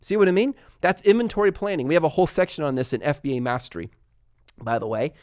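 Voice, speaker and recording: A man from Texas and California hosting a casual live stream, talking fast and energetically while reading viewer comments aloud. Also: on the high side, darkish tone, dry recording, studio quality. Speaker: livestream host answering viewer questions.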